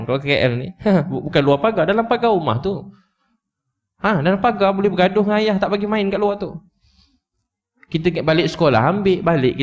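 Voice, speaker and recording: A man preaching to a live audience, telling a story with emotion, repeating his points and speaking straight to his listeners. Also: a little high. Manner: emotional, repetitive, addresses listeners directly. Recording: slightly dull lo-fi recording.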